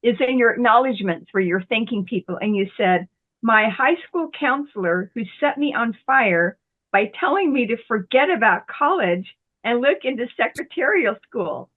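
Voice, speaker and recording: High-voiced woman over a tinny phone line. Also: lively intonation, normal speed. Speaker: interviewer. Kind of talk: interview questions.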